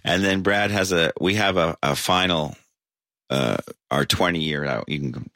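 Very deep gravelly man in his sixties. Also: moderate pace, no echo. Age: 60s. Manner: animated, laughing storyteller. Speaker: singer, interview guest. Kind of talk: casual storytelling.

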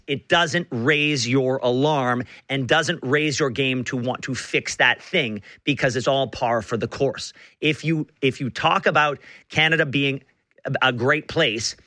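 A man hosting a radio call-in show, talking in halting bursts full of restarts. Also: medium pitch, bright, forceful tone, dry recording, clean studio sound. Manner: halting, many restarts and fillers.

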